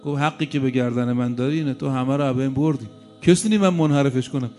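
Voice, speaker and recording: A preacher doing a boastful sly Satan. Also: male voice, mid-range voice, dark tone, faint music behind, natural voice. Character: sly scheming male Satan, boastful tempter.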